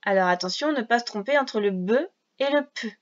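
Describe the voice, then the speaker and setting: A woman's voice: on the high side, lively intonation, normal speed. A woman teaching a reading lesson to young children, patiently sounding out syllables and letters one by one. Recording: dull lo-fi sound.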